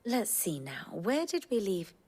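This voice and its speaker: A woman's voice: medium pitch, sing-song, a little slow, noisy background. A woman voicing an erudite, dryly teasing scholar who lectures her pupils in a video game. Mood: wry, lecturing. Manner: theatrical, formal, dryly teasing.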